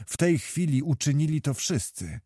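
A man reading a historical novel aloud in a measured, steady narration. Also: a little high, husky, dry recording, studio quality. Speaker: audiobook reader.

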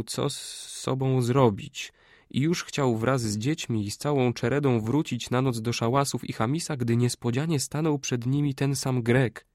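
A man narrating an audiobook in a measured, unhurried storytelling manner. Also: mid-range voice, darkish tone, no room sound, studio quality.

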